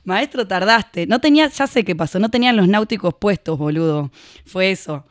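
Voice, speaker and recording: A host from Buenos Aires with a clear Rioplatense accent leads a loose, joking conversation. The voice sits at an everyday mid pitch. The host banters freely and keeps greeting the people in the chat. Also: lively intonation, fairly quick, no echo, studio quality. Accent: Rioplatense Spanish. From Buenos Aires, Argentina. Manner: playful, jokey, greets chat viewers. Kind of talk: casual interview chat.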